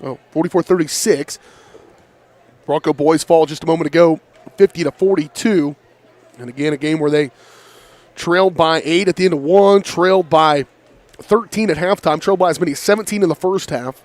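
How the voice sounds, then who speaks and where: Hoarse Midwestern man rattling off stats. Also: a little high, no room sound. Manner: brisk, rattles off scores and stats. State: voice going hoarse. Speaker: play-by-play announcer. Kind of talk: postgame sports wrap-up.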